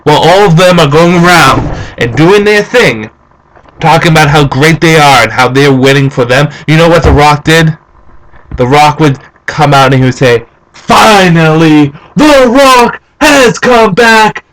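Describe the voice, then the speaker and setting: A young man vlogging, ranting and telling stories in an animated, opinionated way. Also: on the high side, moderate pace, poor audio. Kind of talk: casual opinion rant.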